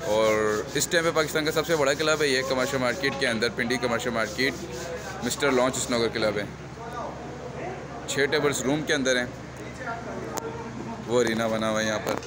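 A man's voice: mid-range voice, poor audio. Young man filming a snooker club walkthrough. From Pakistan. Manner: chatty, promotional, pointing things out. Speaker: snooker table maker. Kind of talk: phone-filmed walkthrough vlog. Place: large indoor snooker club at night. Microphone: phone camera held close.

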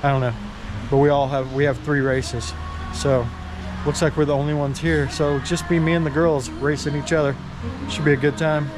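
A man in his fifties chats casually to an action camera held at arm's length, narrating a vlog like a laid-back tour guide from an indoor go-kart venue and his home garage. His voice sits a little high, with a flat delivery at a moderate pace, and there's background noise.

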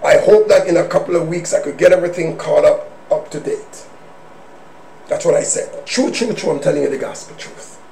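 A male minister preaching a personal testimony in a church service, with emphatic swings between hushed asides and shouted declarations. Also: on the high side, brisk, gravelly, slight background noise. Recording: roomy echo.

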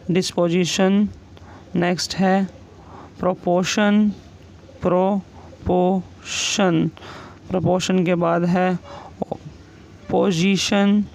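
High gravelly male shorthand teacher. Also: a little mellow, rough recording. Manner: dictates each example word slowly and repeats it. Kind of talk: classroom explanation.

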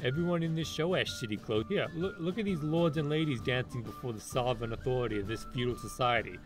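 A man's voice: mid-range voice, fast. A man who says his r like w, giving sarcastic, exasperated commentary as an opinionated critic who swears. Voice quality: rhotacism, r sounds like w. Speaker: video essay critic. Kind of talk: opinionated ranting video commentary. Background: music behind the voice.

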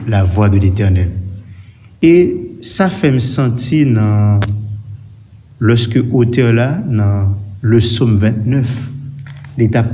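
A man with a Haitian accent teaching a Bible study, reading scripture aloud and repeating key phrases deliberately. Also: on the low side, warm tone, a little hiss or hum.

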